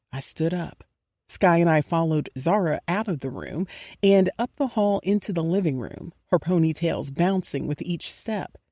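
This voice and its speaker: A woman's voice: fairly low pitch, warm tone, no room sound, clean studio sound. A woman narrating a first-person audiobook in an emotional, intimate way.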